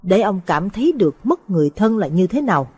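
A woman voicing a vengeful young male spirit in an audio story, flat and unafraid. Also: medium pitch, fast, slightly rough. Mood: defiant. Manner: flat, unafraid, heavy-hearted.

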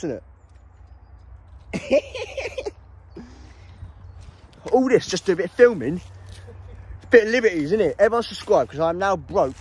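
A young man with a British English accent, vlogging outdoors in the woods on a handheld phone, loud, laddish and jokey. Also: high-pitched, a little hiss or hum. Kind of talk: casual vlog chat.

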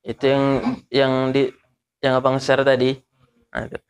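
A man teaching correct pronunciation of Quran verses, slowly drawing out and repeating letter sounds as he demonstrates. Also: mid-range voice, monotone, clean tone.

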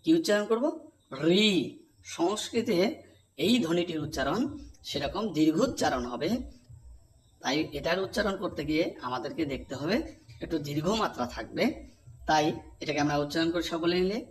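A man teaching a pronunciation lesson, repeating each vowel sound slowly and asking the class to say it back. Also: on the high side, lively intonation, a little hiss or hum. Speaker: Sanskrit teacher.

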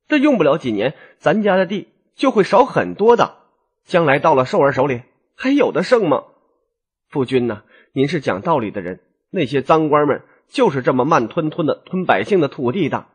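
A man's voice: on the high side, sing-song, moderate pace, slightly rough. A man doing a fierce young noble wife. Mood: indignant. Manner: sharp, indignant scolding.

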